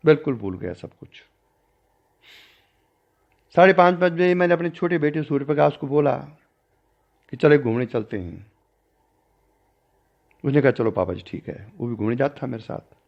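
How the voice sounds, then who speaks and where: An older man, a spiritual teacher, recounting a personal story in a discourse and acting out the dialogue with changing pitch and loudness. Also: animated, normal speed, creaky, pauses often. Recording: dull lo-fi recording.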